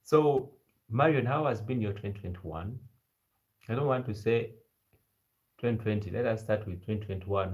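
A man in his twenties with a Kenyan-sounding East African accent, chatting casually and haltingly as a live stream host, repeating his phrases. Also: low-pitched, a little mellow. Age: 20s. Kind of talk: casual live chat with viewers. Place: small bedroom indoors. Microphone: phone at arm's length.

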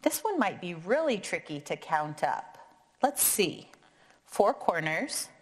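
An American woman in her thirties reading aloud to young children in a kindergarten teacher voice, counting deliberately and prompting with questions. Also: on the low side, very animated, breathy edge. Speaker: kindergarten and first grade math teacher. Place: indoor classroom or meeting room, seated at a table.

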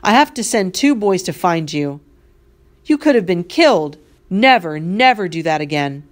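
A stern, anxious middle-aged caretaker raises her voice to scold sharply, as a woman reading aloud puts her on. The tone stays low-pitched underneath the alarm. It is a plain storybook reading, not a full character performance. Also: normal speed, lightly acted.

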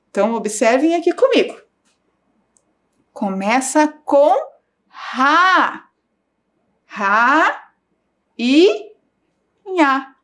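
Slow patient lady teacher from brazil, kind of high voice, bouncy sing-song tone for little kids. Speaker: primary school teacher. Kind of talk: slow, clear classroom lesson for young children. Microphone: broadcast studio mic.

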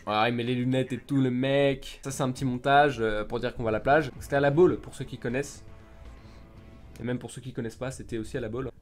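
Speaking quickly in a steady mid-range tone, a young gaming YouTuber reacts to his old videos over soft background music. He keeps it casual and self-mocking, laughs often, and swears freely into his desktop microphone.

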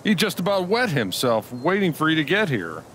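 A chatty small-town bar owner. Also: male voice, fairly high pitch, huge pitch swings, moderate pace, a bit bright, slight background noise. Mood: friendly, joking. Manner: talkative and gruffly friendly, swearing casually.

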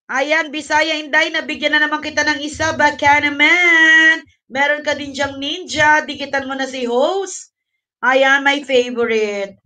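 A woman's voice: high voice, fairly even intonation, normal speed, sharp tone, recorded from a distance. A woman hosting a casual livestream, out of breath, chatty and thanking viewers, mixing English into her talk. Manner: mixes English into Tagalog. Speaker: livestream host.

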